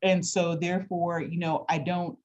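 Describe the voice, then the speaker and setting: A woman interviewer talking conversationally, explaining her thoughts in a deliberate, halting, reflective way. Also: on the low side, little pitch movement, a little mellow, a little hiss or hum.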